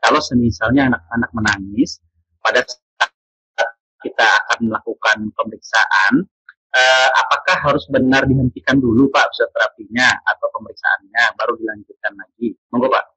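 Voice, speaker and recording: A man's voice: medium pitch, fairly even intonation, normal speed, pushed and bright, slightly rough, no room sound. A man moderating a webinar who reads out audience questions politely and teases the speaker in a friendly way. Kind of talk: reading out questions. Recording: dull dry online call audio.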